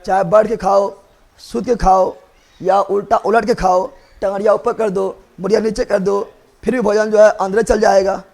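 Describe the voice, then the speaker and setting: A man's voice: high voice, level tone, moderate pace, gravelly, darkish tone. A man teaching a biology class, drilling students with repeated questions and playfully scolding them. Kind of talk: classroom lecture.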